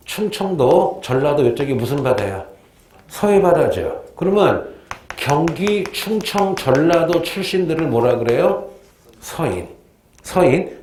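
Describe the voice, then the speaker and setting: A male history teacher giving a lively lecture, often quizzing his students with questions. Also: fairly high pitch, reverberant.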